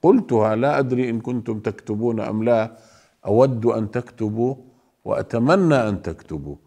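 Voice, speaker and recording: A man teaching Quran recitation rules, speaking slowly and deliberately, drawing out the example words and repeating his points to his listeners. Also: medium pitch, expressive, vocal fry, dark tone. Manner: addresses listeners fondly as beloved ones. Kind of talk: slow tajweed lesson with recited examples.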